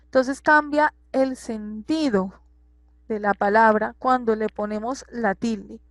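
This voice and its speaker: A woman's voice: on the high side, slow, no echo. A woman teacher explaining a grammar lesson patiently, repeating examples and checking that her students follow.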